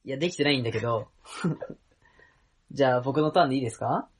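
A young man co-hosting a podcast, bantering casually with quick, teasing retorts. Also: medium pitch, breathy edge. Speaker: podcast co-host.

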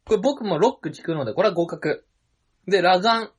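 A man's voice: high-pitched, moderate pace, slightly rough. A man in his twenties co-hosting a podcast, arguing his point in insistent, playfully stubborn banter. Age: 20s. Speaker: podcast co-host. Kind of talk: casual comedic banter.

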